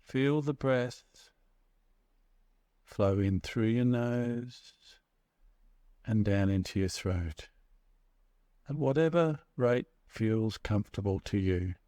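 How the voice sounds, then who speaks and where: Male meditation guide, very slow measured delivery, soothing, recorded close and dry with no room sound. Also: lowish voice, dark tone, no echo. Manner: measured, soothing, pausing between short phrases.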